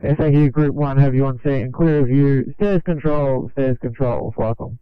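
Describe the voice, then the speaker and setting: A man's voice: mid-range voice, moderate pace, clear, resonant tone, dry recording. Male radio operator, crackly narrow-band transmission. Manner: procedural, polite acknowledgements. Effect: crackly walkie-talkie radio transmission. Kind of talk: emergency two-way radio communication. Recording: crackly, phone-thin two-way radio.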